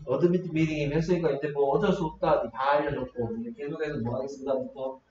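A man's voice: fairly high pitch, steady tone, fast, darkish tone, slight background noise. Male teacher, raised voice, spinning a funny story for his class, picked up from far off in a dull, echoey room. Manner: playful storytelling, keeps checking in with students. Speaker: English teacher. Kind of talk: classroom lecture with a joking story.

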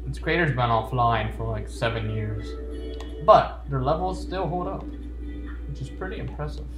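With an animated, mid-range voice at normal speed, this gamer jokes his way through a let's play, reading out the text on screen. Game music plays behind him, and the sound is roomy and echoey.

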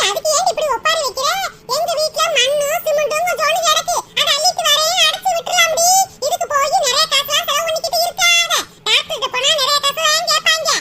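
A performer voicing nosy, tactless village women in a cartoon, talking in loud, bossy, teasing banter. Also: extremely high pitch. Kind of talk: cartoon comedy voice acting. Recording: loud background noise.

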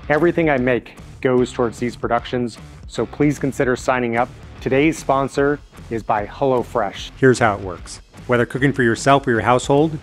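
Male host in his 30s, scripted presenter read, music underneath. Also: medium pitch. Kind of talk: scripted sponsor read and narration to camera.

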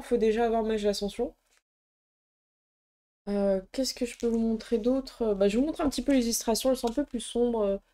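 A woman's voice: a little high, dark tone. A woman chatting casually to camera about a tabletop roleplaying book, with many fillers and restarts. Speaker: tabletop roleplaying game YouTuber. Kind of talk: casual show-and-tell chat.

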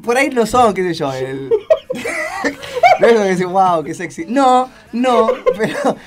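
Animated Argentine man telling a story. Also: very high-pitched, measured pace, slight background noise. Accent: Argentine Spanish. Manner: animated storytelling, laughing often. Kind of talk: casual radio chat.

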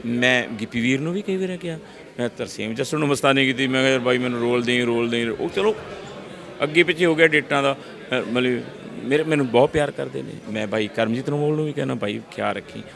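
Man, middle-aged, gravelly, mid-pitched, animated storyteller, outdoors. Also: quick pace. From Punjab, India. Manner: lively storyteller, acts out voices, frequent restarts. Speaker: actor interviewee. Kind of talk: animated casual interview talk.

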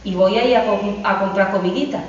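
A woman voicing a caring mother goat who warns her kids slowly and repeats herself. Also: mid-range voice, darkish tone, slight background noise, natural voice. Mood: warning. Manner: slow, warning, repeats herself. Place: school classroom. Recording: echoey, distant, dull room recording.

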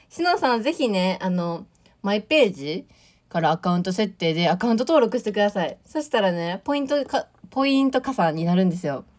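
A woman's voice: medium pitch, darkish tone. A young woman in her late teens from Tokushima with a Kansai accent and a touch of Awa dialect, chatting casually on a livestream and reading out viewer comments with a bubbly, laughing manner. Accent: Kansai Japanese with Awa dialect touches. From Tokushima, Japan. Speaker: idol audition livestreamer.

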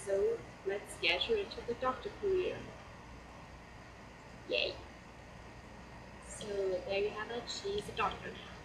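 A German teenage let's-play host with a German accent chats hesitantly over her gameplay, hoarse and gravelly from a slight cold and full of fillers. Her slightly high voice swings widely in pitch, unhurried, with frequent pauses. A distant laptop mic makes it sound roomy, with laptop fan noise behind her.

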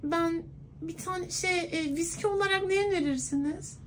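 Man doing a high-pitched coy woman's voice. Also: normal speed, fairly bright tone, slight background noise. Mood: flirty, sweet. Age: 20s. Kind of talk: prank phone call. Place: clothing shop, indoors.

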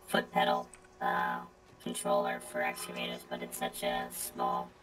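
A man talking through a voice changer, calmly giving short directions to a teammate during a casual game chat. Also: unhurried, loud music behind the voice, low-quality recording. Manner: calm, gives short spotting directions. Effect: voice changer, very deep and flat. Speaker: crane operator teammate. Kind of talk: casual gaming chat over voice comms.

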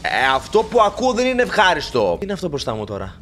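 A young man playing a horror video game, talking to the characters and joking, with sudden shouts when startled. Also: high-pitched, very noisy. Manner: animated, jokey, talks to game characters, bursts into shouts. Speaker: gaming YouTuber. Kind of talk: let's play commentary.

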